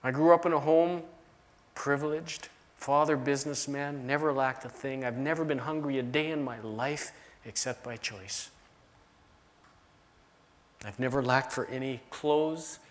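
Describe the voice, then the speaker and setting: Storytelling pastor preaching a sermon. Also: male voice, mid-range voice, fairly even intonation, a little slow. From United States. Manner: storytelling with emphatic repetition.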